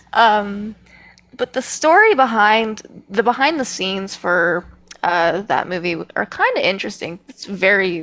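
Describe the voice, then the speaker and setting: A woman's voice: medium pitch, a bit bright, low-quality recording. A woman co-hosting a casual podcast chat, telling stories with emphatic, opinionated views. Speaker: podcast co-host.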